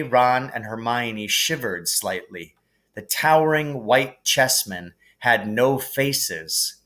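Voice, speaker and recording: Here a male teacher with a mid-range voice reads a novel to listeners. He is an expressive narrator, deliberate and measured in his storytelling.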